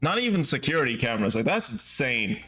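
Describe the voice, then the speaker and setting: A man's voice: medium pitch, very animated, quick pace, sharp tone, soft background music. A man giving casual live commentary as he streams a game.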